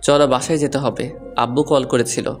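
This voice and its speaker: A man's voice: mid-range voice, flat delivery, moderate pace, soft background music, lightly acted. A man playing a dry, teasing young husband. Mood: firm. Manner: dry, teasing, level delivery. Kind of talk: Bengali audio story acting.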